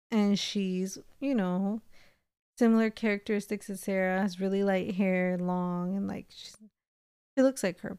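A woman's voice: medium pitch, mellow, clear, resonant tone, dry recording, clean studio sound. A young woman co-hosting a podcast, casually recounting a strange dream with lots of "like" and quoted dialogue. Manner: chatty, lots of "like" and acted-out quotes. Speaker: podcast co-host. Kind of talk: casual storytelling.

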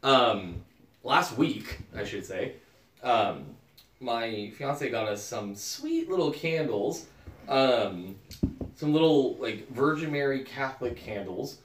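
A man's voice: mid-range voice, sing-song, slow pace, a little hiss or hum. A man hosting a casual podcast chat, rambling with many fillers. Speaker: podcast host. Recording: roomy, mic at a distance.

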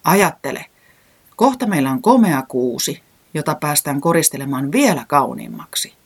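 A cheerful, easily delighted forest creature from a children's storybook, as the narrator puts it on. The voice is raised and bright, with wide, lively swings in pitch and a faintly husky grain. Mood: joyful.

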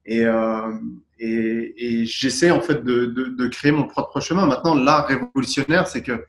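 A man's voice: mid-range voice, fairly even intonation, moderate pace, slight background noise. Thoughtful man from Tunisia, roomy sound. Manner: thoughtful, searching for words. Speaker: guest artist. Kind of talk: interview answers. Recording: roomy echo.

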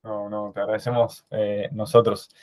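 A man's voice: on the low side, completely flat delivery, moderate pace, darkish tone. A man with an Argentine accent hosting a podcast interview, asking questions hesitantly with many restarts. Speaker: podcast host.

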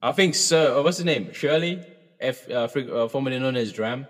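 A man's voice: mid-range voice, moderate pace, big-room sound. A man co-hosting a casual album review chat, laid-back, humming and singing bits of songs. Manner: laid-back, hums and sings song lines. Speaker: podcast co-host.

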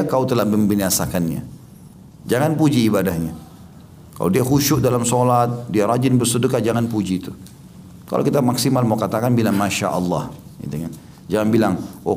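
A man giving a religious lecture, explaining hadith and reciting verses in Arabic with a steady teaching manner. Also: fairly low pitch, slight background noise. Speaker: Islamic preacher.

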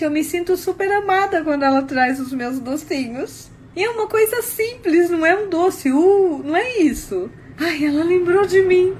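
A Brazilian woman with a Brazilian Portuguese accent, teaching about communication in an animated style full of stories and rhetorical questions. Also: high-pitched, a little hiss or hum. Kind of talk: expressive talk.

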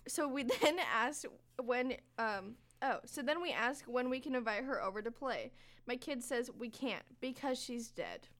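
A woman in casual chat, reading short creepy stories aloud with dramatic pauses and animated reactions. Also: on the high side.

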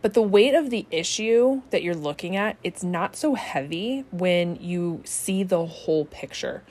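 A woman giving a casual self-help talk, chatty and quick to laugh, often checking in with "right?". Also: lowish voice, expressive, a little mellow. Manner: laughs easily.

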